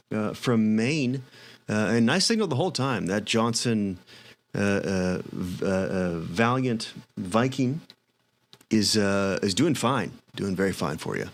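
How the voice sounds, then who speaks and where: A man's voice: on the low side, lively intonation, measured pace. A man speaking as an amateur radio operator, casually making and calling for contacts. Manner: spells call signs in phonetic alphabet.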